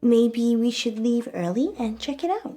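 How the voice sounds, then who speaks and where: Breathy, girlish radio co-host. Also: a little high, animated, moderate pace. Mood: soft, intrigued. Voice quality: soft, breathy, baby-doll voice. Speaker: radio co-host in a story game. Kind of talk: dramatic game dialogue, late-night radio show.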